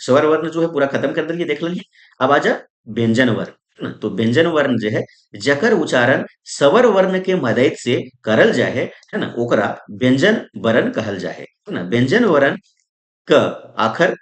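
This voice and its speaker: A male grammar teacher, teaching in a lively, sing-song way that rises and falls. His voice rings around an echoey room. He fires questions at the class, answers them himself and keeps checking that everyone follows. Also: mid-range voice. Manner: constant checks like "isn't it?" and "okay?". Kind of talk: exam-prep grammar lesson.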